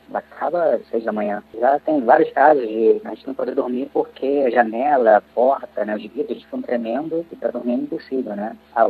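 A man's voice: mid-range voice, breathy edge. A local man giving testimony with his voice distorted to hide his identity, talking in a weary, exasperated way. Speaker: anonymous local resident. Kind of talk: phone-style testimony in a news report. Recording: distorted, tinny phone-like audio.

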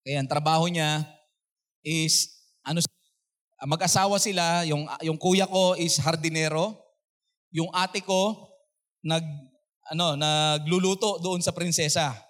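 Filipino pastor guy, high voice, animated sermon story, acts out the people in it. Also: takes it slowly, long pauses. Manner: animated, acts out quoted voices, laughs at own jokes.

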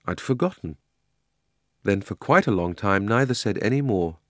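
A man narrating a children's story in a gentle, unhurried way. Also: on the low side, expressive, no echo, clean studio sound. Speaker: audiobook narrator. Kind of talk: storybook reading.

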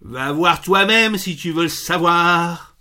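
A man's voice: sits high, very animated, slow pace, gravelly, sharp tone, pitched above the performer's own voice, heavily acted. A man voicing a grumpy, lazy rooster in a children's story, with a surly tone.

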